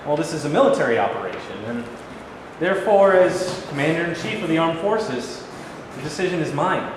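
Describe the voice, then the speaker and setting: A man's voice: fairly high pitch, expressive, brisk, close to an everyday voice. A man playing a troubled, plain-spoken middle-aged president in a staged play reading. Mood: troubled, earnest. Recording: very echoey hall, noisy room recording.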